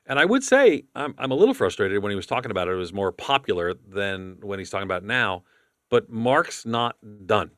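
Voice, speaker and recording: A man hosting a podcast in casual chat, talking quickly and rambling with many restarts. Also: medium pitch, a bit bright, dry recording, clean studio sound. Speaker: podcast host.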